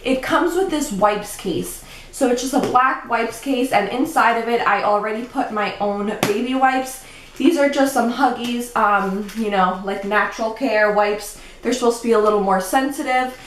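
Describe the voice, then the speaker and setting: On the high side and moderately paced, a young woman explains things step by step in a casual home vlog, sounding chatty and somewhat breathless. Faint background noise and an echoey room color the recording.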